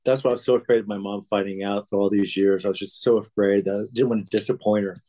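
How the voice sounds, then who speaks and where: A man guesting on a podcast, talking in a rushed, earnest, sheepish way. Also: lowish voice, fairly even intonation, warm tone. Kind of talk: casual podcast interview.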